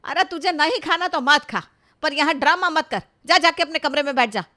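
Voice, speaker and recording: A woman's voice: fairly high pitch, sing-song, moderate pace, dry recording. Brief: woman voicing a worried mother, firm, loving, dry studio. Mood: scolding. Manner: pleading, scolding. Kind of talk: storybook voice acting.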